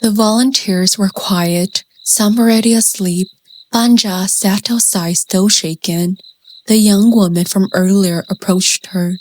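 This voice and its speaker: A woman narrating a scripted folk story in a soft, hushed voice that sometimes drops to a whisper. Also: mid-range voice, steady tone. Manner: soft, slow and hushed, slipping into whispers at tense moments.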